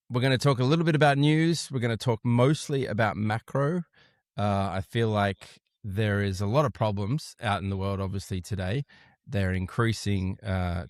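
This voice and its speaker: A man's voice: lowish voice, no room sound, studio quality. A man with an Australian accent, hosting a casual podcast with jokey, upbeat greetings. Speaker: podcast host.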